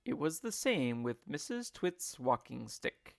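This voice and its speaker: A man reading a storybook aloud like a teacher, with expressive, deliberate and emphatic phrasing. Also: a little high, creaky, dry recording, clean studio sound. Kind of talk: expressive read-along storybook narration.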